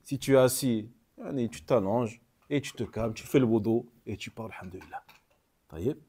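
A man's voice: medium pitch, a little fast, dark tone, husky. A man giving a religious lesson, repeating key phrases for emphasis and mixing in short Arabic phrases. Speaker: Islamic teacher. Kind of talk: religious lesson commenting on a hadith text.

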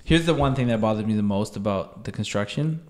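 A man's voice: lowish voice, animated, fairly quick, a little mellow. A man in his thirties with a Toronto accent, bantering as a podcast co-host in a slangy, teasing way. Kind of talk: casual banter. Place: small indoor podcast studio. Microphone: close podcast microphone on stand.

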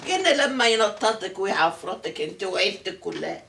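An actress playing an unhinged, childlike aunt in an Egyptian TV drama, erratic and insulting. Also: female voice, medium pitch, animated, fairly quick, vocal fry, fairly bright tone, echoey room, far from the mic, slight background noise. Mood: offended.

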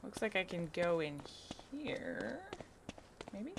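A woman's voice: fairly low pitch, sing-song, slow. A young adult woman giving casual live gameplay commentary, playfully musing aloud to herself. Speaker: video game streamer. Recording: clearly noisy live stream with clicks.

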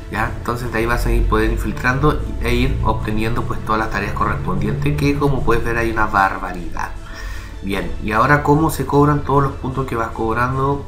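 A man hosting a screen-recorded walkthrough, explaining step by step in a casual tone and often checking in with his listeners. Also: lowish voice. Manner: casual, explanatory, frequent "¿ya?" and "¿vale?" check-ins. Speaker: tutorial host. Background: background music.

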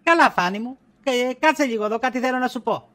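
A woman's voice: on the high side, a bit bright, lightly acted. A woman playing a middle-aged wife in a comedy sketch, insistent and accusing as she nags her husband. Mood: coaxing.

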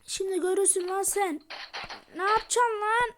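A woman voicing every role of an amateur game drama in a heated, shouty, slangy way. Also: very high voice, fairly even intonation, moderate pace, a little hiss or hum.

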